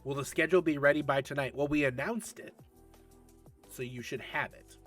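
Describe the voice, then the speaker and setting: A man in his late thirties hosts a casual livestream, reading and answering chat questions in a chatty, easygoing way. His voice sits at a medium pitch, and he laughs often. Faint music plays in the background. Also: normal speed, fairly bright tone. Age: 30s. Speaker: esports league host.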